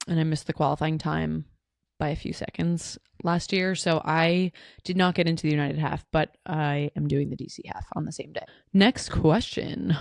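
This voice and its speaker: A woman's voice: fairly low pitch, darkish tone, no room sound. A young woman hosting a solo podcast, answering listener questions in a chatty, rambling way with lots of fillers and restarts. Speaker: podcast host. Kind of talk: solo podcast Q&A, casual chat.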